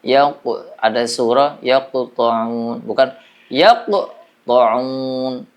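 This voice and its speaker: A man's voice: medium pitch, unhurried. A man teaching a classroom lesson on Quran recitation, explaining patiently and drilling examples.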